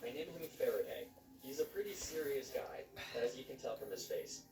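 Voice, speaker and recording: Male gaming-video narrator, mid-pitched, wry and scripted, recorded in an echoey room. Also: expressive, brisk, distant mic, over music. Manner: wry, joking asides.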